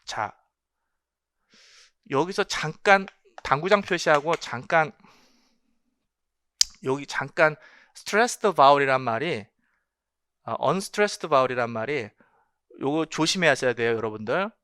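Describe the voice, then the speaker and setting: Male exam-prep lecturer, high bright voice, emphatic and repetitive. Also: expressive, takes it slowly, pauses often, clear, resonant tone, dry recording, studio quality. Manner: emphatic, asks rhetorical questions and repeats key points. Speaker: English linguistics lecturer.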